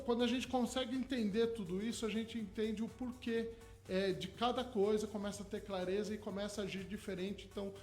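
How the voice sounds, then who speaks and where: Brief: man, hypnotherapist guest on radio, high voice, eager, piles up everyday examples. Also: darkish tone. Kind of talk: radio interview. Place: radio studio.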